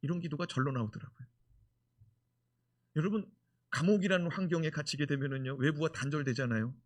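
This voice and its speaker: A male pastor preaching a sermon in an animated way, full of rhetorical questions. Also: fairly high pitch, fairly quick.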